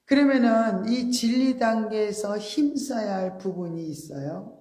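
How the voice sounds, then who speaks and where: A woman preacher giving a sermon, explaining earnestly with soft, polite endings. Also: mid-range voice, measured pace, reverberant. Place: church sanctuary.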